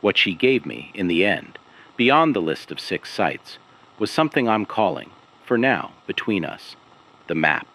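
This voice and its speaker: Laying out a case like a scripted podcast, a deep-voiced man narrates an episode of his investigative mystery series. He pauses deliberately and speaks with grave care, his intonation moving lively. The recording is poor in quality.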